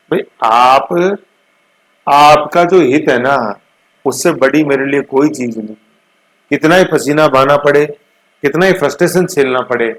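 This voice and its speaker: A man's voice: on the high side, poor audio. A middle-aged man, teaching current affairs for exam prep in a chatty way, checking in often with his students. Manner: chatty, repeats checks like "theek hai na".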